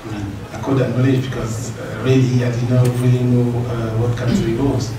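A middle-aged man from Cameroon, seated at a table in a mosque hall, telling his personal story with many pauses and fillers. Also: medium pitch, level tone. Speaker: guest speaker. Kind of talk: personal testimony talk. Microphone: table mic on a stand, far camera. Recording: echoey hall, distant mic, noisy.

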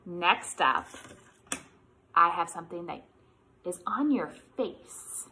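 Speaking slowly in a fairly low voice, this American woman in her thirties hosts a children's storytime amid slight background noise. She reads a picture book and teaches a preschool lesson, asking questions in the lively, encouraging, over-the-top style used with little children.

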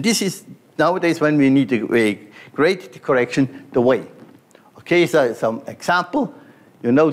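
Man lecturing on bone surgery. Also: on the high side. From Switzerland. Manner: non-native phrasing, frequent fillers, walks through slides point by point. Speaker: pediatric orthopaedic surgeon lecturing. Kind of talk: conference lecture over slides.

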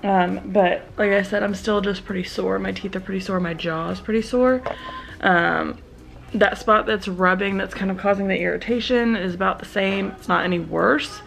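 A woman's voice: mid-range voice, steady tone, normal speed, gravelly, fairly bright tone. A young woman vlogging casually to camera in her bedroom, chatty and full of ums and likes, with a slight lisp from new aligners. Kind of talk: casual vlog talking to camera. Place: bedroom at home. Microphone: camera set down in front of her.

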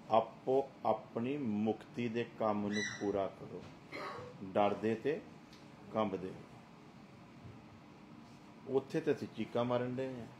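A middle-aged male pastor delivers an emphatic sermon, pressing his points with rhetorical questions. His voice sits at an ordinary middle pitch. A faint background noise runs under the recording. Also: a little mellow.

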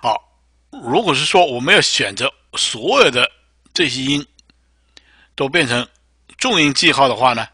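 Man explaining software with lively pitch. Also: unhurried, pauses often, breathy edge, no room sound, clean studio sound. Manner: patient step-by-step explaining. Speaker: music software teacher. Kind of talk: screen-recorded software tutorial.

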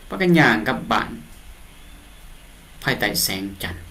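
This Lao-accented teacher has a mid-range, very animated voice that sounds creaky, pushed and bright. He works through an English storybook line by line in class, translating with patient, slow explanations while reading lines aloud and repeating words.

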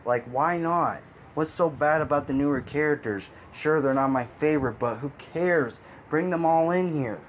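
A man's voice: on the high side, normal speed, few pauses, slight background noise. A man giving a frustrated, exasperated rant as a video commentator, sighing and repeating himself. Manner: frustrated, exasperated ranting with sighs and laughs. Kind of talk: ranting opinion commentary.

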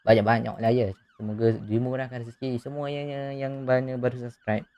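A man's voice: medium pitch, level tone, fairly quick, muffled recording, noisy background. A man chatting casually on a live stream, greeting and thanking viewers and laughing often. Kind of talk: casual live-stream chat while gaming.

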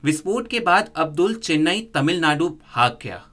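Bright-voiced male news narrator. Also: fairly high pitch, lively intonation, normal speed. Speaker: news voice-over.

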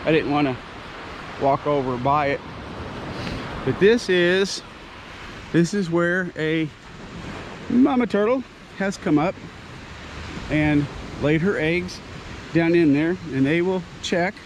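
Against the sound of ocean waves, a man in his sixties, a teacher who vlogs, strolls a beach at sunrise holding an action camera. His voice sits slightly high, and he speaks slowly with long pauses, spinning a meandering story full of playful puns.

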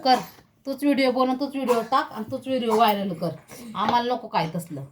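Woman with a really high voice, bitter and scolding, going over the same complaint again and again. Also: brisk, slight background noise. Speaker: vlogger. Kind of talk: angry family quarrel.

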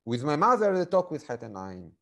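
Hesitant man, slightly high voice, interview guest. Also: sing-song, fairly quick, creaky, a bit bright, poor audio. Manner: hesitant, repeats words while searching. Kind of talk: video call interview.

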